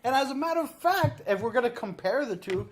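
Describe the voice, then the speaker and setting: A man's voice: extremely high pitch, animated, brisk. A tipsy man co-hosting a casual movie review, opinionated and swearing freely as he talks. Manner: tipsy, drunk. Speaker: drunk movie review co-host.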